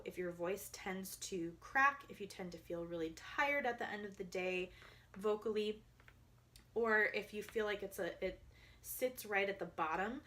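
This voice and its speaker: A young adult woman voice coach calmly guiding listeners through vocal exercises, sometimes demonstrating. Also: mid-range voice. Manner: calm, guiding, demonstrates vocal slides and counts. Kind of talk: instructional voice exercise video.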